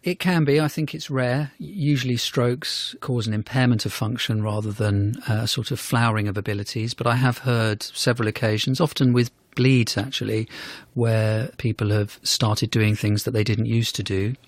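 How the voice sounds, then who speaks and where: A man, a neurology professor, explaining in a radio interview in a measured, thoughtful way, often softening his points with "sort of". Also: mid-range voice, fairly even intonation, dry recording. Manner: measured, thoughtful, fond of hedges such as "sort of".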